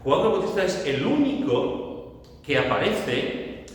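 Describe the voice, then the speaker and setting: Predicador andaluz en una iglesia con mucho eco. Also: male voice, high-pitched, very animated, slow. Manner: conversational, joking, builds to emphatic repetition. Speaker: preacher. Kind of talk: sermon. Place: church hall. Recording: echoey church hall, far from mic.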